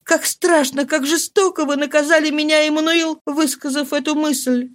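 Woman reading as a remorseful young wife, high pleading voice, tearful, imploring, audiobook. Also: fairly even intonation, moderate pace, natural voice. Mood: pleading, anguished.

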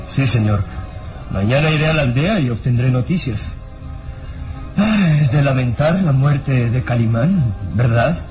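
A man's voice: mid-range voice, expressive, a little slow, long pauses, lightly acted, rough recording. A man playing an obedient, sneering henchman, mocking and theatrical, in an old radio show. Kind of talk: old radio serial acting. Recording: old radio recording with music.

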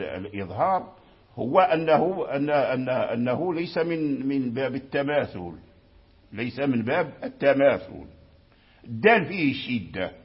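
Male recitation teacher, very husky, animated pitch, dull lo-fi recording. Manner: repeats recited phrases to demonstrate pronunciation; many restarts and hesitations. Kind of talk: classroom lesson on recitation.

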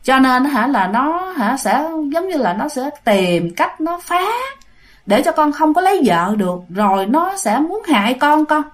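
Worried older mother, voiced by a woman: pleading, earnest, higher voice. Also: very animated, unhurried.

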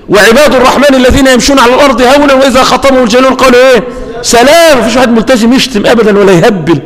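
Egyptian male preacher, high voice, drawn-out scripture recitation, hall reverb. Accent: Egyptian Arabic. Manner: asks the audience rhetorical questions and answers them himself. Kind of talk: Egyptian colloquial sermon.

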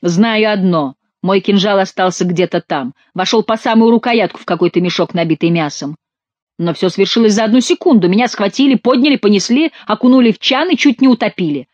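A woman's voice: mid-range voice, brisk, darkish tone, dry recording, highs cut off, voice pushed up, natural voice. A woman voicing a hot-tempered young male courtier who curses angrily. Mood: furious. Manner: angry, cursing.

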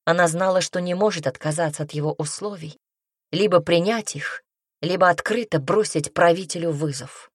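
A woman narrating a fantasy romance audiobook with an even, measured reading. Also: on the low side, husky, no echo, clean studio sound. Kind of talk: scripted narration.

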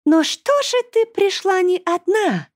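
A woman reading an audiobook, voicing a cruel, mocking female demon who gloats in slow, drawn-out taunts. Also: very high voice, a little mellow, dry recording, clean studio sound, pitched above the performer's own voice. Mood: gloating taunt.

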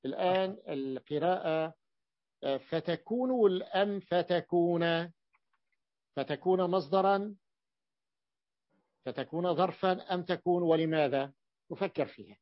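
A man's voice: sits high, measured pace, pauses often, dry recording, muffled recording. Man teaching grammar, patient, repetitive. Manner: explains step by step, repeats key points. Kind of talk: grammar lesson explanation.

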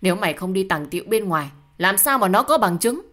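A woman voicing a stern, weary old father who scolds gruffly in a storybook reading. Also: mid-range voice, lively intonation, quick pace, fairly bright tone. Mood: scolding.

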